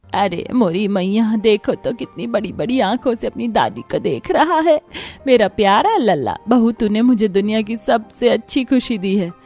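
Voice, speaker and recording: A woman's voice: mid-range voice, lively intonation, moderate pace, a little mellow, soft background music. Woman voicing a bossy doting mother-in-law.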